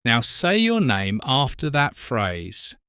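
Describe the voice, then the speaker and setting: A British man in his forties co-hosting an English lesson podcast, speaking slowly and clearly for learners. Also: medium pitch, wildly swooping pitch, pushed and bright, no room sound, clean studio sound. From Britain. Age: 40s. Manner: slow, careful, spells out words. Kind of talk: slow scripted teaching talk.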